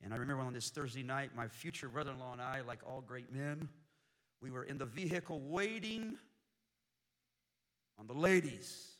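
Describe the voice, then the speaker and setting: A man preaching a sermon as a missionary, telling a humorous story in a jokey, animated way with sudden loud bursts. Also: medium pitch, moderate pace, pauses often.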